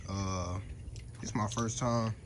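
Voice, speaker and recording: Give me a laid-back man filming a car-repair video on his phone outdoors, with clear background noise. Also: lowish voice, slow pace. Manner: relaxed, talks as he works, points things out. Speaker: DIY car repair vlogger. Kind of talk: casual how-to narration while working. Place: outdoors by a truck. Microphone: phone camera.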